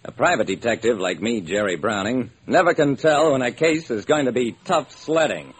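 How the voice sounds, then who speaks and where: Through the crackle of a noisy old radio recording, an actor with a mid-range, slightly breathy voice narrates a case as a hard-boiled private detective. He speaks at normal speed with lively intonation, spinning the tale with wry, dramatic deliberation in old-time radio style.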